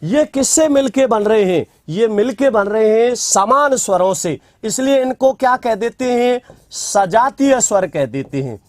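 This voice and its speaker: A teacher lecturing on grammar at an unhurried pace, posing questions to the class and answering them. Notes are dictated phrase by phrase and repeated for copying. The voice is close and dry, with no room sound. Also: mid-range voice, lively intonation, dry recording.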